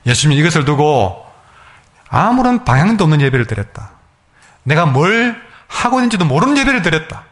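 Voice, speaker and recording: High, animated preacher man. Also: a little fast. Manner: emphatic preaching that acts out the congregation's words. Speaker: pastor. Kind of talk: sermon.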